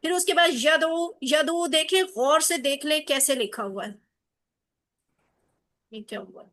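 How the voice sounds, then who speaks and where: A woman's voice: high-pitched, a bit bright. A woman teaching an online class, encouraging her students and often asking them questions. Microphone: video call.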